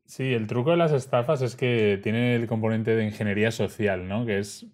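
A man, a relaxed storyteller in a casual conversation who often adds tag questions. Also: fairly low pitch, normal speed.

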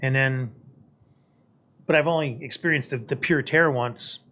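An older man, a guest on a podcast, recounting his time as a hurricane hunter pilot in a casual, halting way, often repeating words. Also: medium pitch, pushed and bright. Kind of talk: casual storytelling.

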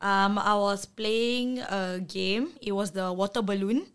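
Clear-voiced Singaporean woman chatting casually. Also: medium pitch, takes it slowly, a bit bright. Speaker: game participant giving statements. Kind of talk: casual chat with Singlish slang.

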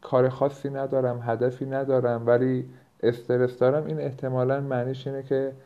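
A man hosting a podcast as a coach, explaining informally with hesitant pauses and filler sounds, in low-quality audio. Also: flat delivery. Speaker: productivity coach and podcast host. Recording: low-bitrate, dull lo-fi home-edited audio.

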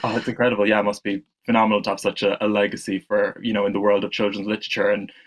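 Male podcast host, voice on the low side, eager and friendly, restarts his sentences. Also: flat delivery, rapid-fire. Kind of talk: interview.

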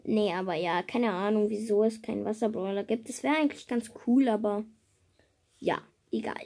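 A woman's voice: mid-range voice, normal speed, warm tone. A woman hosting a casual podcast from home, rambling with many fillers and repeated words. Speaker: podcast host.

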